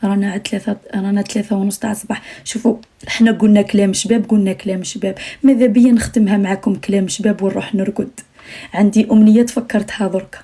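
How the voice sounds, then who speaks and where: A woman's voice: medium pitch, level tone, rapid-fire, mellow. A young Algerian woman talking earnestly to her viewers on a late-night live stream, repeating her phrases and sometimes dropping almost to a whisper.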